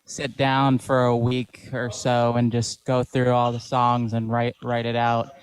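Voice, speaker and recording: Hesitant man, mid-pitched guest. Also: monotone. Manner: hesitant, halting, with restarts. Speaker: singer-songwriter panel guest. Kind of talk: casual chat.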